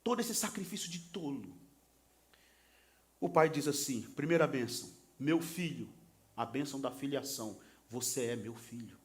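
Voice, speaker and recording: A male pastor preaching a sermon, swinging from soft talk to shouting and acting out quoted lines. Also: mid-range voice, animated, moderate pace. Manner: acts out the sons and father in quoted voices.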